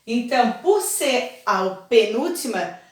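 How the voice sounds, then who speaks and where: A woman's voice: a little high, sing-song, takes it slowly. A woman teacher, patiently explaining a lesson step by step and checking that her students follow. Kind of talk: recorded online class lesson. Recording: very echoey room, voice from far off.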